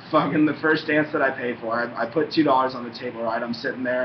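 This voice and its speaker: A young man chats casually and rambles, swearing in a laid-back way, his lip packed with chewing tobacco. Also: mid-range voice. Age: young adult. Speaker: tobacco review vlogger. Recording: muffled, roomy, faintly noisy home recording.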